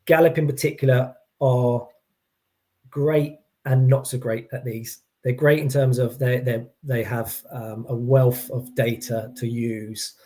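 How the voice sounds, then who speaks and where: A man's voice: mid-range voice, little pitch movement, unhurried, mellow. A man giving an informal expert explanation, hesitant, often restarting and qualifying his points. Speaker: employee engagement consultant as guest.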